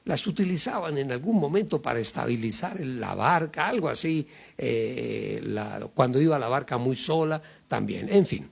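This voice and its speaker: A male pastor giving a sermon, preaching slowly and emphatically, pausing often and filling gaps with hesitant fillers. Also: medium pitch, expressive, vocal fry, husky. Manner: slow, emphatic preaching with many pauses and fillers.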